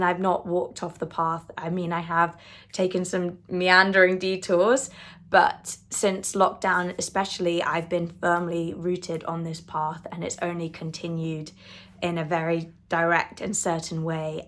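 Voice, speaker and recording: A woman in her twenties calmly and earnestly sharing her spiritual awakening, often repeating words for emphasis. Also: lowish voice. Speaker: spiritual channel host. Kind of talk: reflective spoken monologue on awakening.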